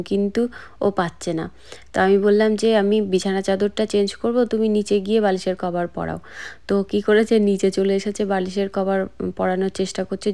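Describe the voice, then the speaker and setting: In a casual home vlog filmed at the family home, a mother from India chats with viewers and points things out as she narrates. Her mid-range voice is gravelly, warm, and smooth.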